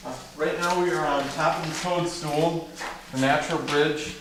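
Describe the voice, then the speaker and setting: A man gives a casual guided tour in an even, flat tone, dropping fillers as he explains. He is recorded from a few steps away, and his voice rings with strong cave echo. Steady noise hums underneath. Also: a little high, normal speed. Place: inside a cave. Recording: echoey cave, distant, noisy.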